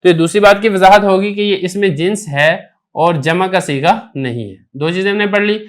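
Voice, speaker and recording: A male teacher giving a recorded grammar lesson, explaining step by step and asking and answering his own questions. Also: high voice. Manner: recites quoted text slowly and deliberately.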